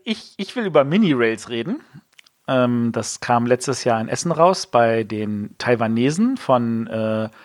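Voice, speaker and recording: A man's voice: mid-range voice, no echo, clean studio sound. A man co-hosting a board game podcast, reviewing games in a casual, rambling way with many fillers.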